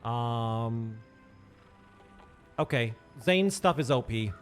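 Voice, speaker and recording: A man's voice: medium pitch, lively intonation, extremely slow. A man streaming a game, thinking aloud and muttering asides in casual commentary, with faint music behind.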